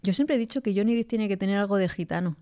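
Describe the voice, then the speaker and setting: Female guest, 40s, warm storyteller, quick to laugh. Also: medium pitch. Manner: laughs easily, chatty storyteller. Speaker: guest writer. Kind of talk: casual chat.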